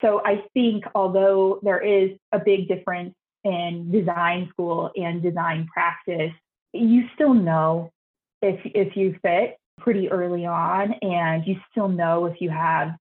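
Through thin, tinny call audio, a young woman who works as an architect takes interview questions as a guest. She is earnest and quick to repeat herself, and her voice goes high whenever excitement hits.

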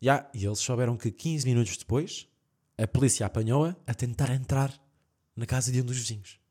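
A man's voice: medium pitch, brisk, husky. A man with a European Portuguese accent, casually telling creepy stories on a podcast and acting out the voices in the story. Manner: animated, acts out voices in shouts, laughs often.

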